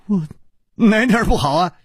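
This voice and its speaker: 一位男评书演员在演一位潇洒的年轻侠客，语气宽容又带点苦笑。. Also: male voice, sits high, big pitch swings, unhurried, darkish tone, husky, no room sound, clean studio sound, voice pushed up, full character voice. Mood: wry. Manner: wry, indulgent.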